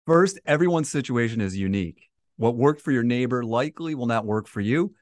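A man's voice: medium pitch, animated, fairly quick, no room sound, clean studio sound. A man co-hosting a podcast as a financial advisor, giving prepared explanations.

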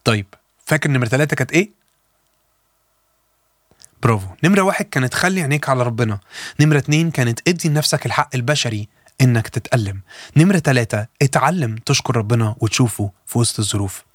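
Husky-voiced Egyptian preacher. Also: male voice, mid-range voice, lively intonation, no echo, studio quality. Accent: Egyptian Arabic. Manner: earnest storytelling, slows down for emphasis. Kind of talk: sermon.

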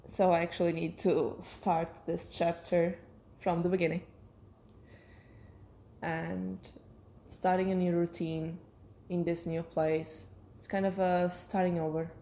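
Lower-voiced woman in casual reflective monologue. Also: level tone, unhurried, pauses often, warm tone, slight background noise. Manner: hesitant, searching for words, self-correcting. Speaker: solo podcast host.

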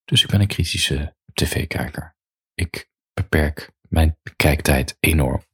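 A man musing aloud in an unhurried monologue as a podcaster, then reading his own story aloud. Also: very deep voice, breathy edge, dry recording, clean studio sound.

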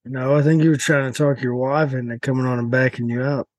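A man's voice: mid-range voice, flat delivery, brisk, a little mellow, no room sound. A man chatting casually as a participant on a podcast. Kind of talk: casual chat.

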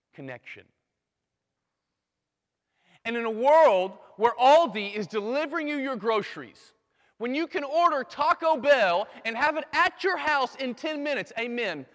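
A man preaching a sermon to a live audience, swinging from loud bursts to hushed near-whispers and making playful sound effects. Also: high-pitched. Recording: long hall reverb.

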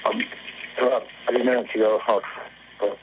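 A man speaks haltingly on a phone call to a dispatcher, his words breaking off as the line cuts out. The sound is choppy and muffled with a faint hiss behind it. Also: mid-range voice, little pitch movement. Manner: halting, trailing off mid-sentence. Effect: phone line cutting out, choppy broken-off words. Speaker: emergency caller.

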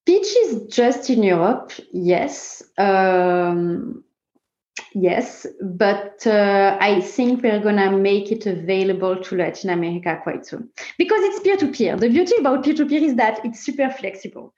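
A woman's voice: mid-range voice, lively intonation, measured pace, darkish tone. A woman startup co-founder in a casual interview, talking emphatically in startup buzzwords, with non-native English phrasing. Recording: muffled, echoey room sound.

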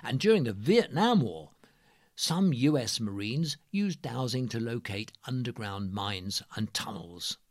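A man reading scripted narration as a presenter, in a measured, emphatic way. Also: mid-range voice, no echo, studio quality.

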